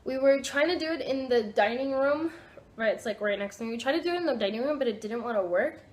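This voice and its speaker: A young woman telling a storytime vlog from her home kitchen, rambling and excitable, with lots of fillers and restarts. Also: high voice, quick pace. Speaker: vlogger.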